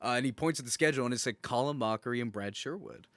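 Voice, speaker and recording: A podcast co-host with a medium-pitched, slightly bright voice talks quickly and casually, sharing personal anecdotes and acting out the dialogue he quotes. The recording has no echo.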